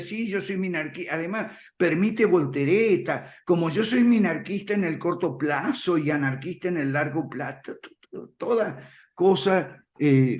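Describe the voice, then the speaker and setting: A man explaining ideas in conversation, firm and emphatic, often checking in with a quick "ok?" and soft chuckles. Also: a little high. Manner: emphatic, repeats points firmly. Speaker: guest speaker on classical liberalism.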